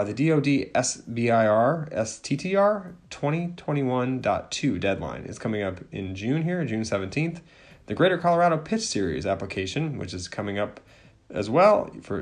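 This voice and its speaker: A man hosting a podcast, reading announcements and sponsor messages in an upbeat, promotional way. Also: mid-range voice. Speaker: podcast host.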